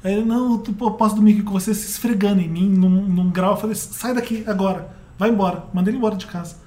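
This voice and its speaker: A man hosts a casual podcast, telling stories at a rapid clip with a high voice. He acts out the quoted dialogue with gusto. The room sounds roomy, with a faint hum behind him. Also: steady tone, darkish tone. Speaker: podcast host. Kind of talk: casual podcast chat, reading listener letters. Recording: echoey room with faint background noise.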